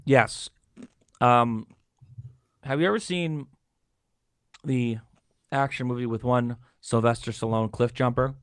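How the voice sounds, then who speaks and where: A man's voice: mid-range voice, fairly even intonation, takes it slowly, pauses often, clean tone, dry recording, studio quality. A man narrating as game master of a tabletop game in a playful, loose way, with frequent restarts.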